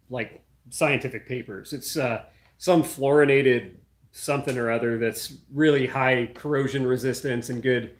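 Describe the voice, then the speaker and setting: In his home workshop, a young male maker runs a laid-back livestream, talking without a script as he fiddles with a project at the bench. His voice sits in the middle range, and he wanders through his thoughts out loud, padding them with lots of fillers while his hands stay busy.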